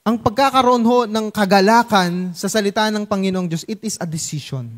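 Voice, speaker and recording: High-voiced Filipino pastor preaching. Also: male voice, a little fast. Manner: playful preaching in Taglish, acting out little scenes for the congregation. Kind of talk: sermon.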